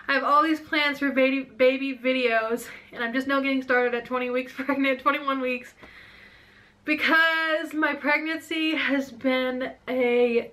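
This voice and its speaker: A young woman in her twenties talks to a camera on a stand in her home bedroom, short of breath the whole time. Her voice is bright and a little high, and her chat rambles from one thought to the next. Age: 20s. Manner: rambling, scattered, chatty. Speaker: vlogger.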